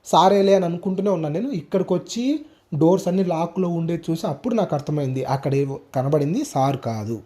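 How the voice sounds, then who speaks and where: A man's voice: a little high, animated, fast talker, mellow, lightly acted. Man doing a terrified young male student. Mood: frightened. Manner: shaken, pleading.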